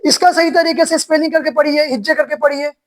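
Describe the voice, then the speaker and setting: A man's voice: extremely high pitch, steady tone. A man teaching a classroom recitation lesson, spelling syllable by syllable and calling on pupils to correct them. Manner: slow, drawn-out syllable-by-syllable spelling. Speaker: Quran teacher.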